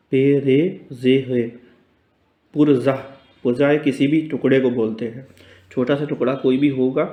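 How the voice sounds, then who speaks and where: Patient man teaching letters, mellow. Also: medium pitch. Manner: patient, repeats words slowly and checks in with "theek hai". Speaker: Urdu teacher. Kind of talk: casual spoken lesson, explaining letters on a board. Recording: roomy echo.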